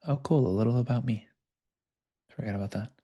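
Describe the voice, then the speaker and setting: A man's voice: medium pitch, brisk, dark tone, husky. A man who works as a life coach, teaching an online workshop over a video call in a conversational, storytelling way.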